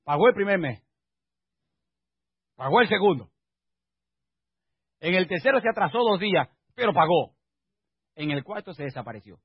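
A male pastor preaching a sermon, swinging from quiet asides to emphatic exhortation and firing rhetorical questions at the congregation. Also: high-pitched, sing-song, moderate pace, pauses often, breathy edge, no room sound, dull audio.

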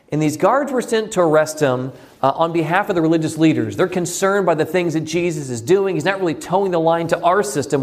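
Animated high-voiced male preacher. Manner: animated, swings from high exclaims to hushed low lines. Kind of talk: evening sermon.

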